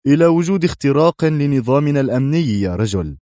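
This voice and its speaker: A man's voice: lowish voice, fairly quick, darkish tone, no echo, studio quality, natural voice. A man voicing a stern, commanding male defense secretary who speaks curtly and severely in an audiobook thriller. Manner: curt and severe.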